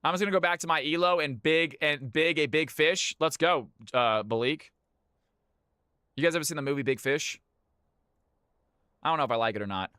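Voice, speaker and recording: Bright-voiced man hosting a livestream. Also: a little high, normal speed, pauses often, clear, resonant tone, no room sound, studio quality. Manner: chatty, informal, repeats phrases, addresses viewers as folks and big dog. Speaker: livestream host running community custom games. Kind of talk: livestream chat and game-lobby announcing.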